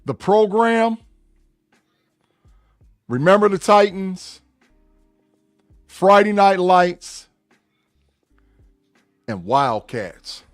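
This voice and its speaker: A man's voice: sits high, expressive, extremely slow, long pauses, dry recording, studio quality, soft background music. A man co-hosting a sports podcast in casual chat, emphatic and full of slang. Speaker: podcast co-host.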